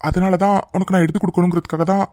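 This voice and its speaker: A man voicing a doting young man in a cartoon love story, teasing and then gently comforting his crying sweetheart. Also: sits high, flat delivery, racing, no room sound, natural voice. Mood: coaxing. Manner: coaxing, affectionate and teasing. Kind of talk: cartoon voice acting.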